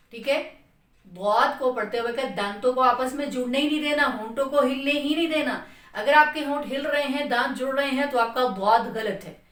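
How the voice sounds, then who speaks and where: A woman's voice: a little high, fairly bright tone, roomy sound, recorded from a distance. A woman with a Pakistani Urdu accent teaching Quran recitation, patiently explaining where a letter is sounded and chanting long demonstrations of it. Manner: patient, repeats "theek hai" to check understanding. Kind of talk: tajweed lesson explaining letter articulation.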